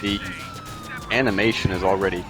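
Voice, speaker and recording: A man's voice: low voice, moderate pace, over music. A man chatting casually in a laid-back, rambling way while he plays a video game with friends. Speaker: let's play gamer. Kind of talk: casual gameplay commentary.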